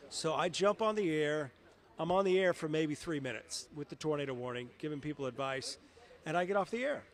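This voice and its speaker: A middle-aged TV meteorologist recounts stories in an easygoing interview, his tone conversational and anecdotal. He talks fairly quickly, with a fairly high pitch and lively intonation.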